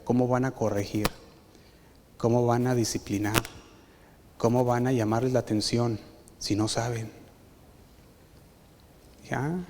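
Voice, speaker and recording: A man preaching a sermon as pastor, telling stories and acting out the quoted voices of others. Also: mid-range voice. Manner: animated storytelling, acting out quoted dialogue. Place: church hall. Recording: reverberant church hall.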